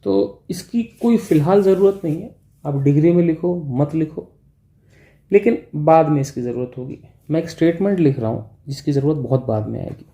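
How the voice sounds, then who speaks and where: Male physics teacher, very dark mellow tone, walks students through each step and checks in with them. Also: on the high side, moderate pace, gravelly. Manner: explains step by step, repeating "ठीक है" to check in; speaks directly to students as "बच्चों" and "भाई". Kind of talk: classroom lecture.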